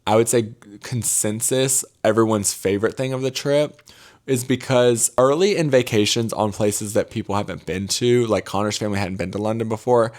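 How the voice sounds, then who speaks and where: A young man with a fairly low voice and a Mississippi accent. He talks like a travel vlogger catching up with friends, casual and chatty. His delivery is gossipy and emphatic, full of confiding asides to whoever is watching. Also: moderate pace, a little mellow. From Mississippi, United States. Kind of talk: casual chatty storytime vlog.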